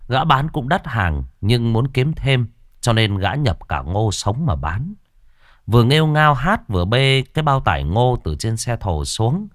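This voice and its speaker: A man reading a story as narrator, expressive in delivery. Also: medium pitch, measured pace, no room sound, studio quality. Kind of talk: scripted horror story narration.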